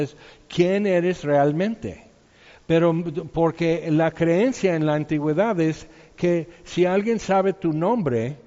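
A man with a rather high, dark-toned voice gives an informal Bible teaching as a preacher, speaking conversationally, putting questions to his listeners and chuckling from time to time. The recording sounds dull and carries a long hall reverb.

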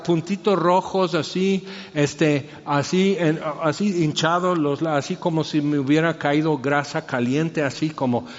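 A man giving an emotional personal testimony, halting and restarting his sentences often. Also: on the high side. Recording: reverberant hall, dull lo-fi sound.

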